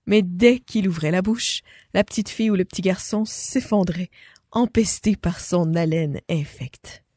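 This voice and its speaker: A woman reading a children's story aloud as a storyteller, expressive and speaking to a child listener. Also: lowish voice, a little slow, dry recording, clean studio sound.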